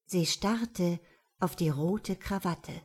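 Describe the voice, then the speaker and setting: A woman's voice: fairly low pitch, slow, a little mellow, slightly rough. Woman reading a novel aloud. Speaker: audiobook narrator. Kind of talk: scripted narration.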